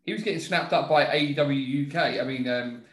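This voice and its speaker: A man's voice: mid-range voice, brisk. A British man co-hosting a podcast in casual chat, rambling and sweary, recorded in an echoey room. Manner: sweary, rambling, often checking he is understood. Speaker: wrestling podcast co-host.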